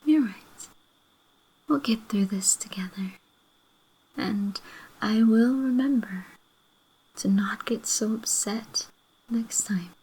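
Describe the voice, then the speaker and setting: A woman playing a loving, apologetic girlfriend in a breathy whispered role-play, gently making up after a fight. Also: mid-range voice, takes it slowly, long pauses, poor audio. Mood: tender, apologetic. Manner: gentle, reconciliatory, making up tenderly.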